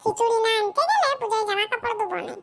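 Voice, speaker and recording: At an extremely high pitch and a quick pace, a performer plays a cheeky, mischievous poor village boy from rural West Bengal in a comedy cartoon. The squeaky-voiced kid keeps up brash, grumbling colloquial banter, and the recording is very noisy.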